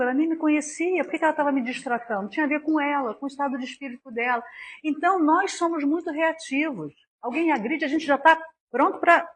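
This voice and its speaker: A woman with a Brazilian accent giving a spiritual lecture on forgiveness, earnest and acting out little scenes in quoted voices. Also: sits high. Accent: Brazilian Portuguese.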